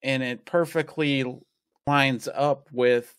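A man explaining theology in a casual conversation, measured and explanatory. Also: medium pitch, fairly even intonation, smooth, dry recording, studio quality.

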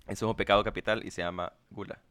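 A man's voice: on the low side, steady tone, rapid-fire, a crowd in the background. A man, co-hosting a podcast in crude, joking banter and acting out little scenes. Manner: crude, joking, acts out voices. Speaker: podcast co-host.

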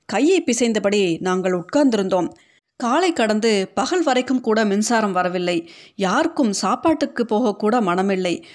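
A woman with a medium-pitched voice narrates a short story for an audiobook, reading steadily and in a measured way.

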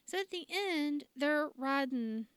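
Chatty woman with a lively voice. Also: high voice, slow pace, dry recording. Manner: chatty, laughs often, acts out quotes. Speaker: podcast co-host recapping a TV drama. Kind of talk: casual chat.

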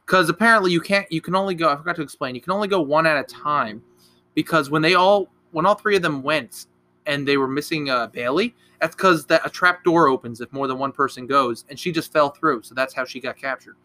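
Bright-voiced man rambling through a movie recap. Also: fairly high pitch, brisk. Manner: rambling, swearing, self-correcting storyteller. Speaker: podcast co-host.

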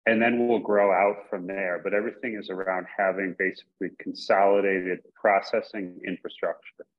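Low-voiced man on a dull call line. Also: level tone. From upstate New York. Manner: measured, explanatory, with fillers like "basically" and "you know". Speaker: guest, coffee company investor. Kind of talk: casual interview answers.

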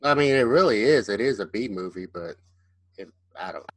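A man's voice: on the low side, animated, a little fast, no echo. A man co-hosting a podcast in casual chat, hesitant, often trailing off and restarting his sentences. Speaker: podcast co-host.

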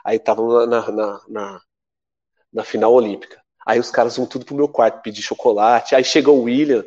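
A Brazilian man in his forties, a guest telling a story in a casual, lively way and acting out what people said. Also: fairly quick, highs cut off. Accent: Brazilian Portuguese. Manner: lively, acts out quoted voices with big pitch jumps. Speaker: podcast guest, former athlete.

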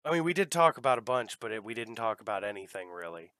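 Guy hosting a gaming podcast, kinda low voice, dry mic, laid back cussing. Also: big pitch swings, quick pace, pushed and bright, no room sound. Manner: casual, swears freely. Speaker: podcast host. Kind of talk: casual chat while gaming.

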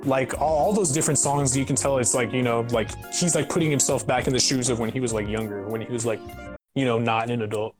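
A man's voice: medium pitch, fast talker, music in the background. A man in his twenties chatting casually on a podcast, rambling and often stopping with "what do you call it". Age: 20s. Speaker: podcast guest. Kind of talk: casual chat.

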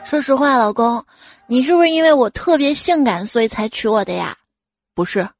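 A woman's voice: a little high, expressive, brisk, soft background music. A woman hosting a comedy podcast, reading listener jokes, acting out quoted lines and laughing at the punchlines.

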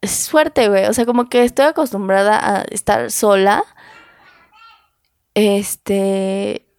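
Gravelly young Mexican woman, candid and slangy. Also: mid-range voice, slow, darkish tone, dry recording, studio quality. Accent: Mexican Spanish. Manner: candid, slangy, repeats words often. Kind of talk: casual conversation.

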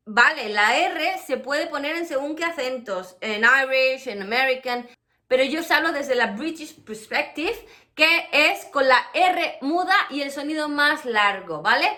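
Woman, English teacher, pronunciation lesson, high voice, leisurely pace, explains with examples. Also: animated, bright, forceful tone. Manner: explains with many examples, then models English words slowly.

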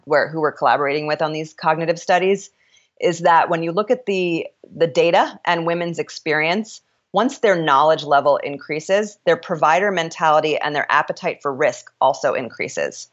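As an interview guest, a woman with a deep voice speaks reflectively and candidly, sometimes pausing as she works through her ideas. The recording sounds muffled.

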